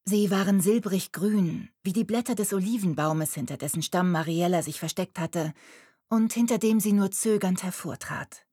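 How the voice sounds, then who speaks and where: A woman narrating a children's audiobook in a calm, even storytelling manner, recorded close on a studio microphone. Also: mid-range voice, normal speed, breathy edge, no room sound.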